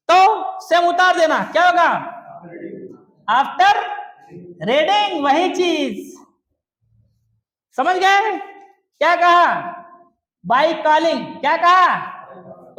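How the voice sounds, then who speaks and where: A male English teacher fires questions at his class and pushes the answers back at them. He is loud and emphatic and often shouts, with a notably high-pitched voice. The sound rings around an echoey classroom. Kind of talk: classroom lesson with call-and-response drilling. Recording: echoey room.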